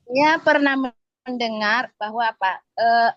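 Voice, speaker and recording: A woman's voice: fairly high pitch, slow, fairly bright tone, no echo, highs cut off. A woman asking a hesitant question over an online call, her audio choppy and breaking up. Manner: hesitant, searching for words.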